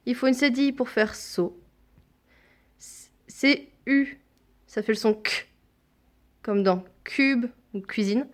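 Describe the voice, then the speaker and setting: A woman teaching a phonics lesson to young children, speaking deliberately and repeating each sound and example word. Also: a little high.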